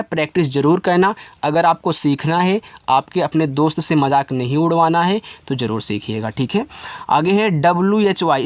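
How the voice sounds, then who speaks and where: High-voiced man teaching by spelling words aloud. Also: no echo. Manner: spells out words letter by letter, then asks and answers himself; informal, addresses students directly. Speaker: English teacher. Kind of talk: spoken classroom lesson.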